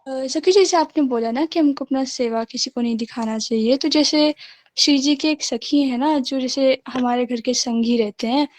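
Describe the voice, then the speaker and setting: High, hesitant woman caller. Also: normal speed, a little mellow. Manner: hesitant, polite. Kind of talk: asking a question on a live call.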